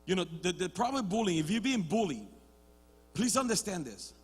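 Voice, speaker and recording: A man preaching a sermon as a pastor, switching between Spanish and English, restarting words often and swinging from quiet talk to loud shouting. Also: high-pitched, very animated, moderate pace, slightly rough, long reverb tail. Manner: builds to loud shouted passages, then drops to quiet. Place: church sanctuary.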